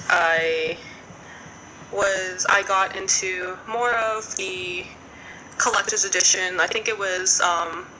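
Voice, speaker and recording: A woman's voice: on the low side, pushed and bright, slight background noise, low-quality recording. A woman in her twenties telling a story in casual podcast chat, rambling with lots of fillers.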